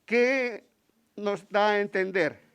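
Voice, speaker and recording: A man with a Spain Spanish accent preaching a Sunday sermon in a church. His voice sits high and has a gravelly edge. He talks slowly and puts rhetorical questions to the congregation. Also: fairly bright tone. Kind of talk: Sunday sermon with Bible readings.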